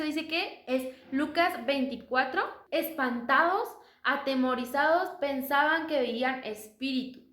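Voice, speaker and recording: A woman's voice: high-pitched, fairly bright tone. A woman leading a casual Bible study, chatting and putting questions to the listener. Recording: roomy echo.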